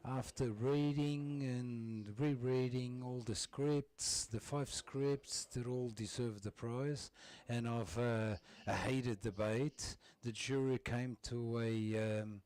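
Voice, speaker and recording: A man interprets formal speeches live in English. His voice sits at an average male pitch. He goes slowly, stopping and starting as he assembles each phrase. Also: steady tone, darkish tone, smooth. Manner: halting, stop-and-start delivery. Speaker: simultaneous interpreter.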